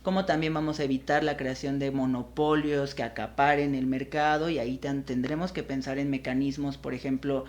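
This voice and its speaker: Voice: medium pitch, fairly even intonation, fairly quick, few pauses. Earnest activist guest in an interview. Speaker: drug policy activist guest. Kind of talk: interview answers.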